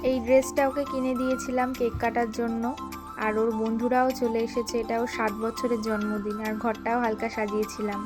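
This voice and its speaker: Over background music, a woman narrates her daily life in a casual vlog. Her voice sits on the high side with little pitch movement, and she speaks fairly quickly.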